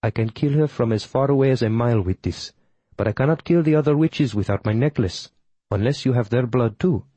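A man voicing a cool, formal female witch with a Tamil accent who speaks in measured phrases. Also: medium pitch, mellow, breathy edge, no echo, natural voice. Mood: calm, formal.

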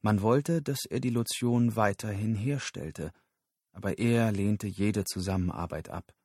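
A man narrating an audiobook in a steady, measured storytelling voice. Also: on the low side, dry recording, clean studio sound.

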